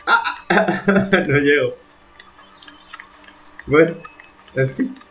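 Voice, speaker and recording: A man's voice: a little high, extremely slow, a bit bright, soft background music. A man from streaming a video game live, talking to himself in exasperated bursts and swearing as he plays. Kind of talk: live gameplay commentary.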